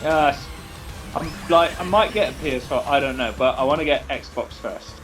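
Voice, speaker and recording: A British man chatting casually over voice chat while playing a racing game, rambling and excitable. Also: on the high side, normal speed. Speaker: gamer in voice chat. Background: racing game music.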